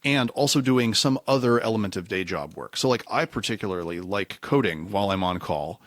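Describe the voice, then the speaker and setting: Alçak sesli bir adam, podcast konuğu, dağınık ve kendini düzelterek konuşuyor; kayıt kuru ve yankısız. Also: male voice, on the low side, animated, fairly quick, a bit bright, dry recording, clean studio sound. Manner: discursive, self-correcting, slips into acted quotes. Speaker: podcast guest, reliability engineer. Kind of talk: casual conversational interview.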